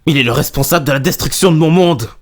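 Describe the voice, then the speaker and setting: A man's voice: fairly high pitch, fast, close to an everyday voice. A man voicing an earnest, determined young male hedgehog in an amateur French game fan dub, with music behind him. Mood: troubled. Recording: background music under the voice. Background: dramatic game music.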